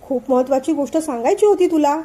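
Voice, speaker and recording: A woman voicing an excitable young college girl in a storybook reading, chattering eagerly. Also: high-pitched, fast. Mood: excited. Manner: excited, gossipy.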